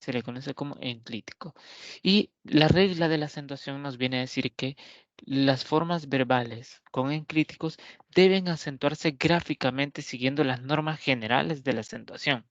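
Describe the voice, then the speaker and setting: A man teaching a grammar lesson, explaining slowly and deliberately, pausing often and checking that his listeners follow. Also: medium pitch, no echo. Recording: dull, lo-fi dry recording.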